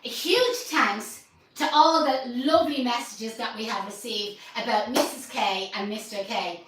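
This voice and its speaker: A woman's voice: a little high, normal speed, a bit bright, heavy reverb, far from the mic, a little hiss or hum, rough recording. An Irish woman hosting a casual live stream, chatty and joking, laughing often. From Ireland. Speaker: host.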